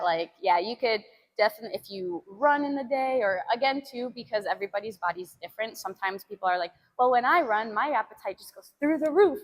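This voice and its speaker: A young woman from the United States chatting casually with her live-stream viewers about training and diet, rambling with lots of fillers. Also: on the high side. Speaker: fitness streamer.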